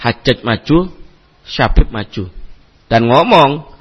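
A man giving a religious lecture as a preacher, telling a story in an animated way and acting out the people in it. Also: medium pitch, slow, husky, muffled recording. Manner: animated, acts out quoted voices, mixes in Arabic terms. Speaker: Islamic preacher.

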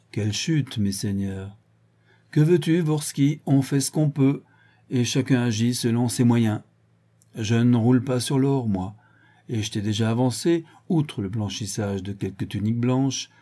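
A man's voice: mid-range voice, dark tone, breathy edge. A man reading aloud and voicing an old male druid impostor who talks in a glib, jeering, unflappable way. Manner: jeering, chatty, theatrical.

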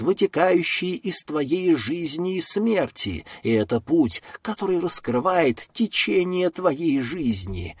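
A man reading an audiobook voices a dangerous old woman with a rough, hoarse voice and slow, ominous speech. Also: fairly high pitch, no room sound, studio quality, heavily acted. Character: sinister old woman guarding a trial. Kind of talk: audiobook character voice.

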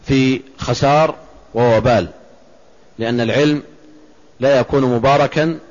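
A man giving a measured religious lesson, explaining a text line by line and reciting verses and quotations. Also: medium pitch, lo-fi sound. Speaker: Islamic scholar teaching a text.

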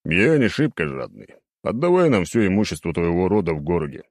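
A man's voice: low-pitched, very animated, brisk, darkish tone, no echo, clean studio sound. A man voicing a cocky, mocking young hero in an audiobook.

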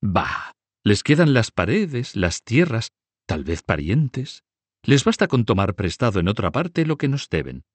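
A man voicing a cunning older banker who speaks smoothly and persuasively. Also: fairly low pitch, sing-song, a little slow, dry recording. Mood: instructive. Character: cunning older Italian male banker, soft-spoken.

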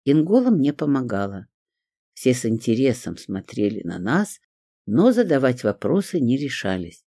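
A man narrating a fantasy audiobook in an expressive storytelling manner. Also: mid-range voice, moderate pace, no echo, clean studio sound.

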